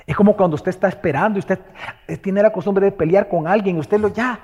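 A man preaching a sermon, firing off rhetorical questions and swinging between loud exhortation and hushed, tender passages. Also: sits high, a little fast, husky. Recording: long hall reverb.

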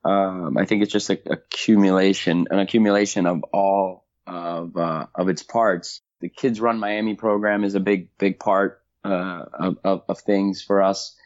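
A deep-voiced middle-aged man answers interview questions about the race he organizes, keeping a steady tone. He halts often, repeating words and using fillers as he thinks aloud. The audio is dull and lo-fi.

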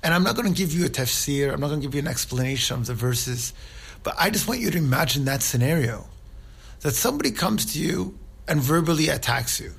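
A man's voice: a little high, expressive, fast talker, vocal fry, fairly bright tone, breathy edge. A man giving an informal religious talk, earnest and conversational, who often checks in with his listeners. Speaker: Islamic speaker.

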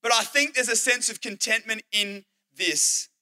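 A young Australian man, a youth pastor and teacher, preaching earnestly and telling personal stories, slowing down to stress key lines. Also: high-pitched, pushed and bright. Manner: earnest storytelling, acts out quoted speech, slows for emphasis.

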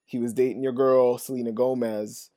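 A man chatting casually on a podcast, laid-back and joking, peppering his talk with "you know". His voice sits at a middle pitch, and the recording is dry and close. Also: flat delivery, moderate pace, warm tone, no room sound.

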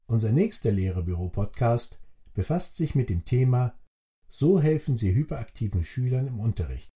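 A man reading a scripted guided relaxation as a podcast narrator, in a measured, instructional way with formal address. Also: medium pitch, sing-song, mellow.

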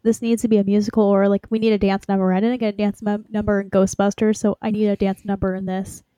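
A woman's voice: mid-range voice, level tone, fast, warm tone, no echo. A woman in casual fan chat as a podcast co-host.

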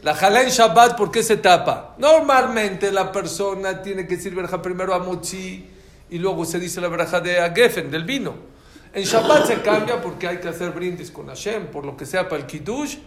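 Mexican male religious teacher, animated storyteller, slightly high voice, faint room noise. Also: normal speed, reverberant. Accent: Mexican Spanish. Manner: animated, quizzes the audience.

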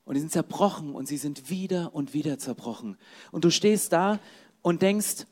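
A man preaching a sermon in an earnest, emphatic way, speaking directly to his listeners. His voice sits a little high. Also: expressive, normal speed, darkish tone.

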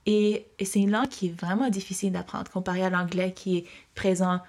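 A woman's voice: mid-range voice, fairly even intonation, fairly quick, a little mellow. A young woman from Mexico answering interview questions in a hesitant, reflective way, with many fillers and restarts.

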